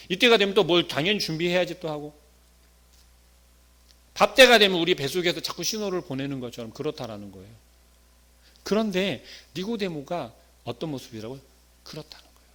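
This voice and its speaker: A man preaching a sermon, asking the congregation rhetorical questions and swinging between loud emphasis and hushed asides. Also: fairly high pitch. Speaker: pastor.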